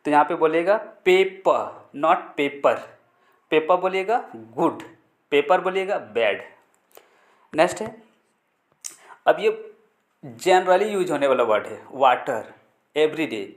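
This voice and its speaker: A man teaching a spoken English lesson in Hindi, repeating words slowly as drills and explaining step by step. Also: a little high, very animated. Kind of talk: classroom-style language lesson.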